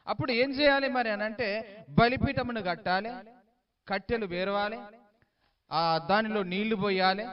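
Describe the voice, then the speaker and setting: Dramatic high-voiced pastor preaching. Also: male voice, clear, resonant tone, muffled recording. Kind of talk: sermon.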